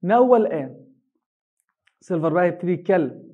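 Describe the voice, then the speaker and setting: An English teacher with an Egyptian Arabic accent, who reads a story slowly in English and translates each line quickly into colloquial Arabic. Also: male voice, high-pitched, big pitch swings, slightly rough, phone-quality sound. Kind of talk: reading an English reader aloud line by line and translating it.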